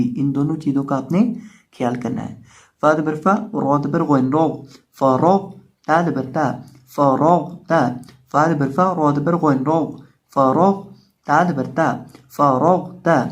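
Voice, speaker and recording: A man teaching Quran reading with an Urdu accent, patiently explaining letters and reciting each syllable slowly and more loudly. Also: on the high side. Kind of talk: step-by-step recitation lesson.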